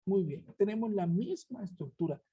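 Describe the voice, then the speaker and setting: A woman's voice: medium pitch, expressive, normal speed, warm tone, breathy edge, low-quality recording. A woman teaching an English grammar class over a web conference, explaining step by step and checking in with her students. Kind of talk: online class lecture. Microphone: web conference headset or laptop mic.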